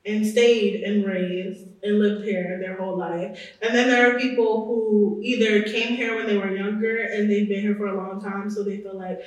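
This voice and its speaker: A woman's voice: mid-range voice, level tone, moderate pace, few pauses. A young woman co-hosting a podcast, teasing and laid-back as she steers the chat. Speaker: podcast co-host. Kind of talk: casual chat. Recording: roomy echo, distant mic.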